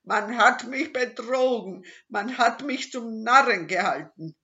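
A woman's voice: a little high, slow pace, pitched above the performer's own voice, full character voice. A woman voicing a greedy, blustering male robber in a storybook reading, bellowing his lines. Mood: furious. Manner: loud bellowing outbursts. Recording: dull lo-fi sound.

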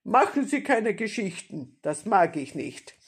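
A woman voicing a gruff, bossy male robber in a storybook reading, barking commands and growling threats. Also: mid-range voice, big pitch swings, unhurried, voice pushed up. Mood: gruff, threatening.

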